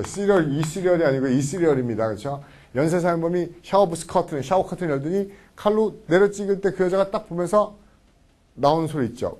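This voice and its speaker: Animated, husky-voiced man lecturing a class. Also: on the high side. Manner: animated, constantly checks in with the class. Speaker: English vocabulary lecturer.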